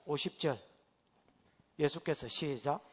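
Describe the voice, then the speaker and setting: A male pastor delivers an expository sermon with dramatic swings in volume, shouting one moment and dropping to a whisper the next. His voice sits notably high. The sanctuary adds a long, trailing reverb. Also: slow, slightly rough. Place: church sanctuary. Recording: reverberant church hall.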